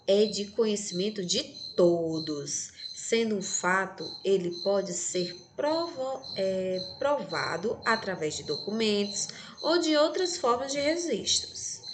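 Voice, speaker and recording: A woman's voice: mid-range voice, a little hiss or hum. A Brazilian woman teaching an online class to sixth graders, counting letters aloud and checking that students follow. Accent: Brazilian Portuguese. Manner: slow and didactic, counting aloud and checking understanding.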